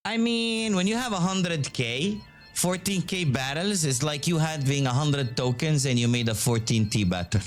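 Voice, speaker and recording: A man commentating his own live gaming stream, reacting loudly and swearing often. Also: on the high side, a little slow, soft background music.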